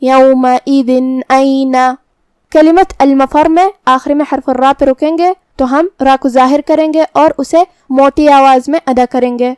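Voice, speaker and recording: A woman teaching Quran recitation, calmly explaining each letter step by step and reciting verses slowly. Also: high voice, no room sound, clean studio sound. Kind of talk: tajweed lesson with slow recitation.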